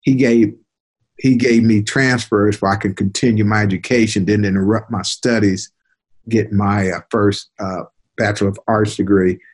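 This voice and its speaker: An older man, a retired detective, telling stories from his career in an unhurried conversational way, often repeating words as he recalls. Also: on the low side, fairly even intonation. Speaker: interview guest, retired police detective. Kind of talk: conversational storytelling.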